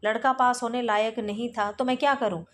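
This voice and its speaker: A woman's voice: fairly high pitch, fairly even intonation, brisk, fairly bright tone, a little hiss or hum, close to an everyday voice. A woman reading a stubborn principled professor. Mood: steady. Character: principled middle-aged male professor, stubborn. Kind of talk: reading a play aloud for exam study.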